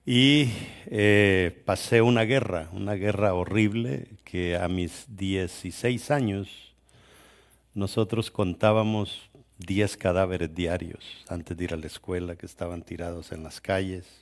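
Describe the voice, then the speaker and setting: A man's voice: sits low, fairly even intonation, measured pace. A middle-aged man from El Salvador, a guest pastor telling his life story in a sermon with a conversational manner and frequent restarts. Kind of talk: sermon testimony.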